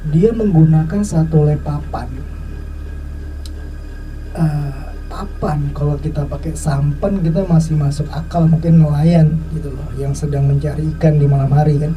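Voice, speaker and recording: A man's voice: a little high, steady tone, normal speed, mellow, recorded from a distance, poor audio. A man casually retelling a mysterious personal experience in a rambling, reflective way, off-mic with faint noise behind. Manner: rambling, reflective, many filler tags. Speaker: storyteller.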